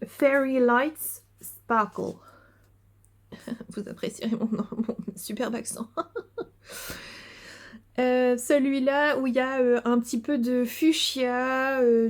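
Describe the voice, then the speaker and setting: A chatty woman with a fairly high voice talks casually about her crafts. She hesitates often, filling gaps with little sounds, and breaks into giggles now and then. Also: darkish tone. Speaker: knitting and sewing podcaster. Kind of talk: casual video chat showing crafts.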